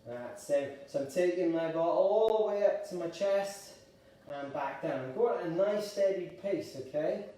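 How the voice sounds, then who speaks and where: Brief: Welsh male fitness instructor, upbeat and chatty, a bit breathless, mellow voice, echoey room from a distance. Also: high voice, moderate pace. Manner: encouraging, chatty, a bit out of breath while exercising. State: slightly out of breath. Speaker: exercise instructor. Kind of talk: live online exercise class.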